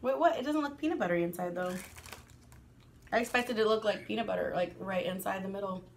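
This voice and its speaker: A woman and mother vlogging a casual product review, chatty and excitable, laughing often. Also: medium pitch, fast talker, creaky, a little hiss or hum.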